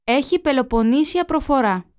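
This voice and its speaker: A woman reading a language lesson aloud, slowly and clearly, sentence by sentence. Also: high voice, lively intonation, darkish tone. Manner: slow, clear dictation of sentences.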